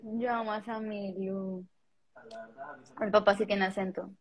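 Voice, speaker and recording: A woman's voice: medium pitch, level tone, measured pace, low-quality recording. A young woman from Colombia chatting casually and playfully on a livestream, teasing her friends and laughing often. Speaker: livestream co-host.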